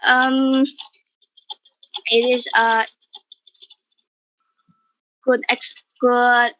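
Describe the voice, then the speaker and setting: A woman's voice: fairly high pitch, little pitch movement, very slow, pushed and bright, no room sound, highs cut off. A young woman from Indonesia, a student participant, speaking hesitantly and searching for her words.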